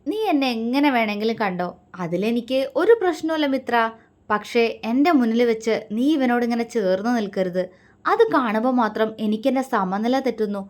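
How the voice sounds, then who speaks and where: A woman's voice: fairly high pitch, darkish tone, natural voice. A woman voicing a scheming young man who taunts and threatens the others. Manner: sneering and taunting.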